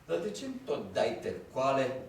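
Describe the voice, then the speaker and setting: Man playing old king, declaiming, shouting, lively high voice, echoey theatre hall, distant mic. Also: creaky, a little hiss or hum. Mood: mocking. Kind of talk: live stage acting. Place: theatre stage. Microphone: distant room mic.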